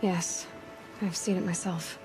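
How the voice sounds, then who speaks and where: Aloy, determined young huntress. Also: female voice, fairly low pitch, fairly even intonation, unhurried, rough recording. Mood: businesslike. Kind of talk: video game cutscene acting. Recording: loud music behind.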